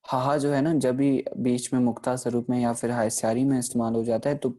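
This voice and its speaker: A man teaches a pronunciation lesson in a mellow, darker voice at an ordinary pitch. He explains patiently, checks in with his listeners again and again, and slows down to sound out each example word. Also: flat delivery. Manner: patient explaining, checks in often with "theek hai". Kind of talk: recorded online grammar lesson.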